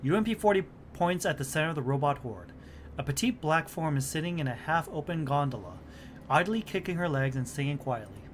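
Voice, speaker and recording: A man's voice: fairly high pitch, expressive, fairly quick, a little hiss or hum. A man reading the narration of a game story aloud on a stream. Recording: music behind the voice. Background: music.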